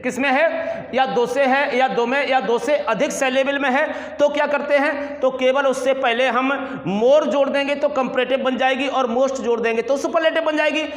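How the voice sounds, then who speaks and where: Spelling out words one letter at a time, a male English teacher runs a grammar lesson and frequently makes sure his students keep up. His very high voice is fairly even in intonation, at normal speed with few pauses, and a long reverb from the echoey room surrounds it.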